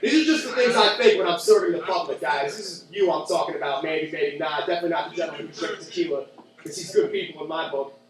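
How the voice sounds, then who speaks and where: A man's voice: fairly high pitch, quick pace, crowd noise. A young man doing a stand-up comedy set in a club, telling crude, sarcastic stories. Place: club with audience. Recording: echoey room from far off.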